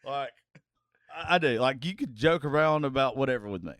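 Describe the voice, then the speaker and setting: A man's voice: mid-range voice, lively intonation, a little fast, a bit bright, no room sound, studio quality. A man telling crude, profane stories in casual podcast chat, laughing often. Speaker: podcast host or regular.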